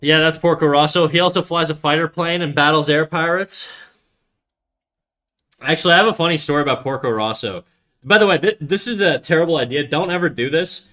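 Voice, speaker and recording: This art streamer, a young man from Canada, reads his chat aloud during a casual livestream, rambling, cursing, and tripping over fillers and restarts. His voice is a little high, brisk, pushed, and bright.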